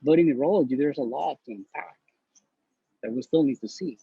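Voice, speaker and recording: Here the man's voice is a little high, a little fast, gravelly and husky. He's a newly matched neurology resident from Honduras, giving earnest, blunt advice as a guest in a casual video-call interview and often repeating words, recorded lo-fi and slightly dull, without echo.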